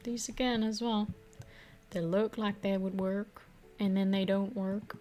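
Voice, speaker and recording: A woman's voice: medium pitch, level tone, measured pace, dark tone. A woman, a streamer in casual live-stream chat, loose and profane, muttering at puzzle pieces.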